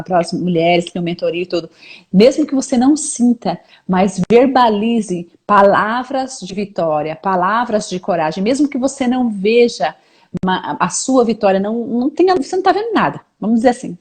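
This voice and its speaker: A woman's voice: a little high, a little mellow. Earnest Brazilian woman from São Paulo. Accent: Brazilian Portuguese, São Paulo. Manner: earnest, encouraging, repeats "né?". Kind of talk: faith-based live chat.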